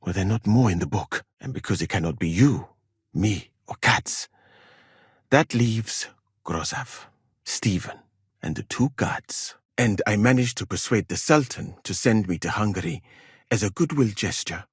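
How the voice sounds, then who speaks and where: An actor playing a learned, proud Malian court physician in a medieval video game, speaking in a formal, courteous, dignified way. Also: male voice, lowish voice, expressive, a little slow, breathy edge, no echo, clean studio sound, heavily acted. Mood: grave, measured. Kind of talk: video game character dialogue.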